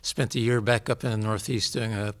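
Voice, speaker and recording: A man in his seventies from New York, a pediatrician and professor, answering interview questions in a measured, explanatory way. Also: on the low side, fairly even intonation. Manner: measured, explanatory, listing facts.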